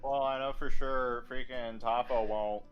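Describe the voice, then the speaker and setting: Male player, mid-range voice, smooth salesy persuader. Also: mid-range voice, steady tone, unhurried, dull audio, soft background music. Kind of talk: casual game chat and in-character pitching.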